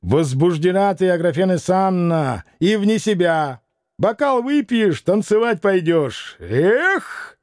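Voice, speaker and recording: A man's voice: high-pitched, very animated, takes it slowly, dry recording, studio quality, voice pushed up, full character voice. A man reading an audiobook and voicing a spiteful young man who teases and sneers. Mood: mocking. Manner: teasing, sneering.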